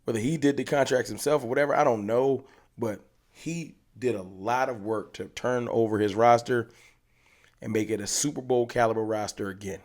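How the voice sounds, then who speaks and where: Speaking in a mid-range voice with a steady tone and moderate pace, a fan-channel host vents passionately straight into the camera. His talk is casual yet emphatic, and he hammers points home by repeating them. Behind him, hats hang on the wall.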